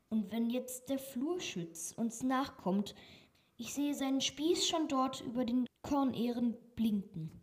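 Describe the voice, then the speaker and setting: Woman as a scheming young swindler, hushed. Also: on the high side, pitched above the performer's own voice. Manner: hushed, conspiratorial.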